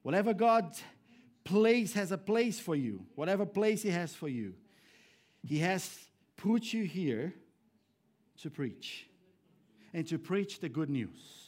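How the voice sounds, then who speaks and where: Brief: male pastor, sermon to a congregation, very high voice, emphatic then hushed. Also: expressive, takes it slowly, long pauses. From Brazil. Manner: preaching with swings between raised emphatic lines and low hushed ones. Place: church hall before a congregation.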